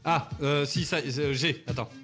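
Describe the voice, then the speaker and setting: A man's voice: a little high, measured pace. A man in his forties playing a music quiz, hesitating with fillers and swearing as he tries to remember answers. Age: 40s. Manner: hesitant, full of fillers and swearing while guessing. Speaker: quiz player. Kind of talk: casual chat, music blind test.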